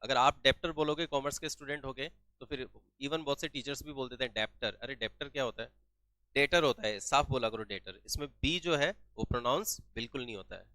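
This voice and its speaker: Man, accounting teacher, bright forceful voice, dry close sound, quizzes then answers himself. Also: mid-range voice, fairly quick, dry recording. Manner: asks questions and answers them himself, repeats key terms. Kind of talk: classroom-style lesson.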